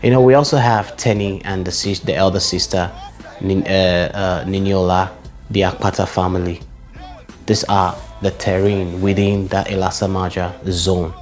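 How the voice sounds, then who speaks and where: Deep-voiced Nigerian man reminiscing. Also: little pitch movement, normal speed, faint music behind. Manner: nostalgic, listing names with shout-outs. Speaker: vlogger. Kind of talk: reflective personal vlog.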